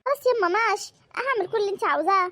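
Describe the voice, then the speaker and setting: A woman's voice: very high-pitched, very fast, bright, forceful tone, no room sound, pitched above the performer's own voice. Woman playing a coaxing young village daughter. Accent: Upper Egyptian. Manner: coaxing, pleading.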